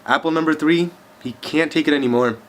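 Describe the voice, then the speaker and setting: A man's voice: fairly high pitch, fairly quick. Guy on his vlog telling a long joke, chatty and rambling, lots of ums. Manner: chatty, rambling, with many fillers. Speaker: vlogger.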